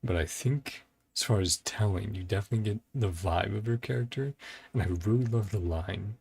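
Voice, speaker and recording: Talking a little fast in a lowish, gravelly voice with a darkish, slightly rough tone, a man hosts a reaction and ranking video. He comments off the cuff in short broken phrases, thinking aloud, while music plays behind him.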